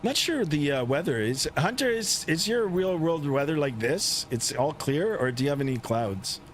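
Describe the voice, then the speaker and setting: A man hosting a flight simulator livestream in casual commentary, with halting, pause-filled phrasing. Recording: steady aircraft rumble behind voice. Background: engine rumble.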